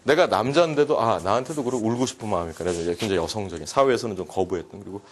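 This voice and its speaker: A man giving a humorous psychology lecture to a class, animated and joking, often acting out quoted dialogue. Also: on the low side, very fast. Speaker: university lecturer.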